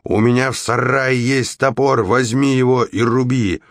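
A man's voice: low-pitched, expressive, slow, sharp tone, husky, no echo, studio quality, exaggerated voice. A man voicing a bold young hero in a storybook reading, calling out urgent commands.

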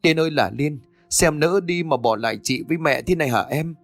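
A man's voice: a little high, brisk, vocal fry, no room sound, faint music behind, pitched above the performer's own voice. A man narrator voicing a cold, scheming middle-aged woman who sneers and mocks. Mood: fake wailing. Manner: sneering, mocking.

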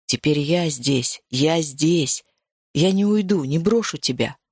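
A woman voicing a low, murmuring remorseful young man. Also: no echo, clean studio sound. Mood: remorseful, soothing. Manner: low, slow, murmured apologies.

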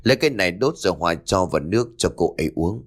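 A man's voice: sits low, expressive, racing, husky. A man playing a stern middle-aged exorcist who speaks curtly and gives orders. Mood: commanding.

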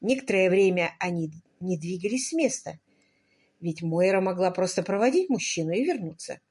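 A woman's voice: on the low side, lively intonation, moderate pace, a little mellow, husky. Woman narrating an audiobook. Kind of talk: scripted narration.

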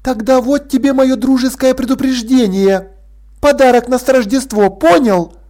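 Male reader playing a cool, firm young governess, raised pitch, dry threats. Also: normal speed, darkish tone. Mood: stern. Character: stern unflappable young governess woman. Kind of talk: audiobook character voice.

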